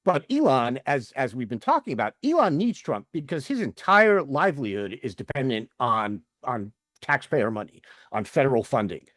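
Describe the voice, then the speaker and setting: A man co-hosting a political podcast, talking bluntly in casual chat with many halting restarts. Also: mid-range voice, sing-song, fairly bright tone, dry recording, clean studio sound. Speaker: podcast co-host.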